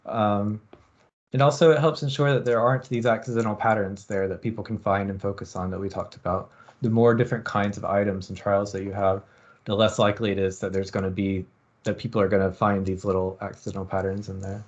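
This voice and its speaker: A man with a low voice gives a university lecture in a loose, thinking-aloud way, filling his pauses with ums. The recording is dull and lo-fi. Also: flat delivery. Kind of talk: university lecture on experiment design.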